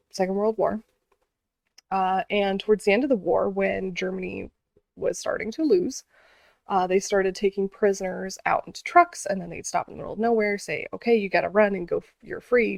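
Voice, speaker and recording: A woman's voice: mid-range voice, gravelly, no room sound. A woman vlogger telling a story in a casual, earnest way, with many fillers and restarts.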